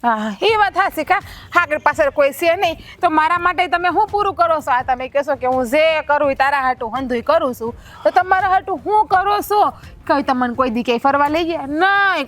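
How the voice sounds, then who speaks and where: A woman's voice: high voice, a bit bright. An actress playing a proud young wife who taunts and scolds her husband. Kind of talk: village family drama.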